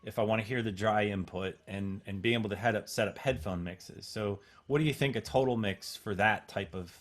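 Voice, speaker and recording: A man's voice: lowish voice, a little fast. A man interviewing a guitarist over a video call, agreeable and friendly, asking long, winding questions.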